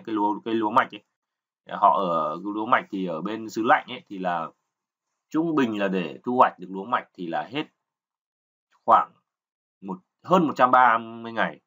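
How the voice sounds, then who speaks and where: Low, bright-voiced male language teacher. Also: muffled recording. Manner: keeps asking "right?" to check learners; patient, repeats words while explaining. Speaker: kanji teacher. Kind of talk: explanatory lesson.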